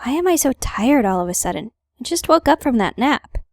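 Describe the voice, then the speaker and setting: A woman's voice: high-pitched, big pitch swings, fairly quick, darkish tone, no room sound, clean studio sound. A woman hosting a gaming video, reading visual novel narration aloud with playful, wry casual asides.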